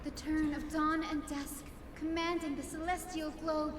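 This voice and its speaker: A woman's voice: sits high, little pitch movement, measured pace, background noise. An actress playing a polite, timid little girl in a video game. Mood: earnest, incanting. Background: game music.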